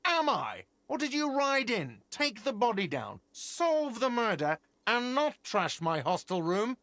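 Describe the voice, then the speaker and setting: A man's voice: very high-pitched, very animated, a little slow, fairly bright tone, dry recording, exaggerated voice. An actor playing a defensive, irritable male hostel manager who snaps back sarcastically in a game. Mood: sarcastic. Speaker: game character.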